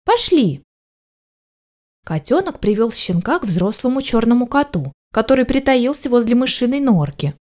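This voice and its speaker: A woman reading a children's story aloud as storyteller, gentle and expressive. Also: fairly high pitch, normal speed, hardly any pauses.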